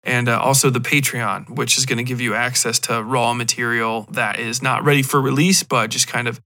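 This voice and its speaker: This solo podcast host is a man whose voice is bright and forward, pitched in the middle of the male range. At a normal speed and with fairly even intonation, he chats loosely, wandering off on tangents and poking fun at himself.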